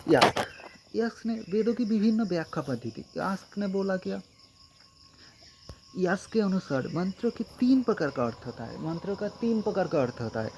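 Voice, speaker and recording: A man's voice: high-pitched, very animated, moderate pace, background noise. A man giving an exam-prep lecture as a tutor, repeating points and checking in often with short confirmations. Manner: repetitive, frequent "thik hai" checks.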